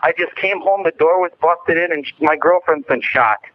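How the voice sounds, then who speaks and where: A shaken man calling emergency services, giving short, halting answers over a phone line that keeps cutting out. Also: a little high, a little hiss or hum. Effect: choppy phone line that cuts out. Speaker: emergency caller. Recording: tinny, breaking-up phone call.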